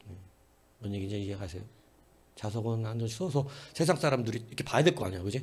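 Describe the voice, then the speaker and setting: Male pastor, middle-aged, husky voice, animated sermon delivery with wide pitch swings. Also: quick pace. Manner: animated, talks with congregation, shifts loud and hushed. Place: church sanctuary.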